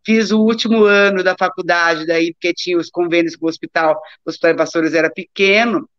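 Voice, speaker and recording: Speaking a little fast with a fairly low, fairly even, fairly bright voice, a middle-aged woman from Brazil chats as an interview guest about her life. Born in Rio and raised in Taubaté, she's a doctor and amateur athlete who digresses and repeats words for emphasis; the room echoes and the live-stream audio is dull and lo-fi.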